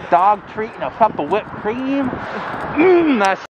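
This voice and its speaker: A young man speaks through a costume head, so his voice comes out a bit muffled. It sits high and swings up and down as he jokes in casual vlog chat. He is on a clip-on mic outdoors, with loud street traffic behind him. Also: big pitch swings, slow pace. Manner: joking, playful, laughs often. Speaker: vlogger in a fursuit. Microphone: lavalier mic.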